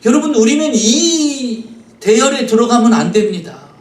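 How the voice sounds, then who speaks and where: Pastor, male, high-pitched, preaching from a distance in a reverberant sanctuary. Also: expressive, normal speed. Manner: emphatic preaching, rising to loud rhetorical questions. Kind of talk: sermon. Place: church sanctuary. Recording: roomy church sound, mic at a distance.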